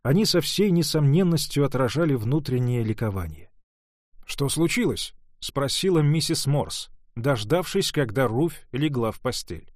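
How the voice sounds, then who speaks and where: A man calmly reading a novel aloud as an audiobook narrator. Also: mid-range voice, moderate pace, dry recording, clean studio sound. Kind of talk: scripted narration.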